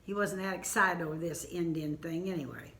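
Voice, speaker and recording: An older woman with an Ozark accent telling a family story in an unhurried, homespun way, with asides. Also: lowish voice, fairly even intonation, a bit bright, reverberant.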